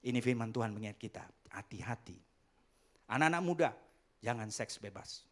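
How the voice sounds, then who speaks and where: A man's voice: mid-range voice, fairly quick. A middle-aged male pastor preaching a sermon in a church hall, telling stories with jokes and acting out the people in them. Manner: animated storytelling with joking asides and acted voices.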